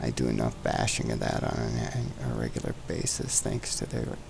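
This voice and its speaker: Setting up his aircraft on stream, a man jokes around and even speaks to the plane while casually hosting a flight simulator session. His voice is extremely low and creaky, swinging widely in pitch at a normal pace.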